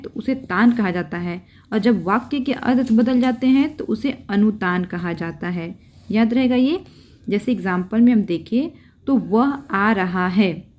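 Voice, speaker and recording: A woman's voice: a little high, warm tone. A young woman teaching a grammar lesson. She explains patiently, repeats the key terms and asks questions that she answers herself.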